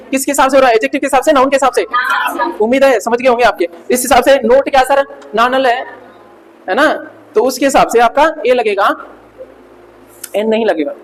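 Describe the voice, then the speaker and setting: A man's voice: very high-pitched, fairly even intonation, quick pace. A male English teacher giving a revision lecture, asking the class questions and answering them himself, repeating key words and spelling out letters. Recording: reverberant room with faint noise.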